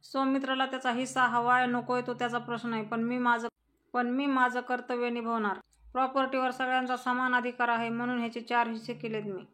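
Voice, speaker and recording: Brief: a woman reading a firm head of the family, flat delivery. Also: fairly high pitch, fairly quick, natural voice. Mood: stern. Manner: read out plainly in the narrator's own voice. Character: stern eldest brother, head of the house.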